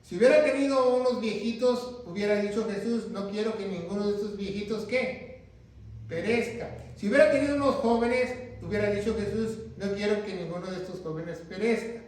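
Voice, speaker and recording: High-voiced pastor teaching in an echoey room. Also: male voice, brisk, darkish tone. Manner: asks the class questions and answers them himself. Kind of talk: Bible class lecture. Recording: echoey room, mic far off.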